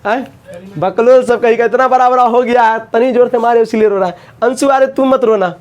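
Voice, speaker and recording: High-voiced man teaching a coaching class. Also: steady tone, a little fast, highs cut off. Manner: asks students questions and repeats answers.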